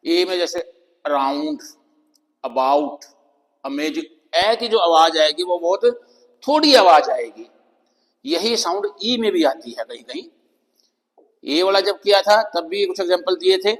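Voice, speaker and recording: A male English teacher with a Hindi accent, speaking very slowly and spelling out letters as he drills example words. His voice sits a little high for a man. The sound rings with a long reverb, as if he is recording in a large, hard room. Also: animated. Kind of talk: classroom-style pronunciation lesson.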